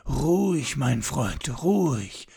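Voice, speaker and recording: A man's voice: medium pitch, very animated, slow pace, gravelly, dark tone, slightly rough, exaggerated voice. A man voicing a battle-hardened male warrior leader in a storybook, speaking in a fervent, declaiming way. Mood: soothing.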